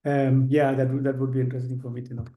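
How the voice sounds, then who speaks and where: A man's voice: mid-range voice, level tone, fast talker, mellow, roomy sound. A man from Sri Lanka, a course participant, sharing his thoughts on a video call in a rambling way, with many fillers.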